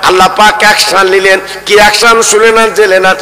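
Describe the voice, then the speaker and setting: A man preaching a sermon with storytelling, in a sing-song chant that rises into high wailing appeals. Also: flat delivery, fast talker, bright, forceful tone, in a large hall, low-quality recording. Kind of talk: Bengali waz sermon with storytelling.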